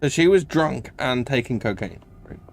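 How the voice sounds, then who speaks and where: A man's voice: mid-range voice, lively intonation, normal speed, slight background noise. A man giving casual let's play commentary, thinking aloud and often checking himself with tag questions. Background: game music.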